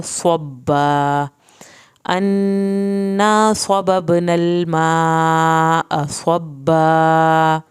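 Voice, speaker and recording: A woman teaching Quran recitation, reciting verses slowly and then explaining the pronunciation rules quickly. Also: deep voice, darkish tone, clear, resonant tone. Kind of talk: tajweed lesson with slow recitation.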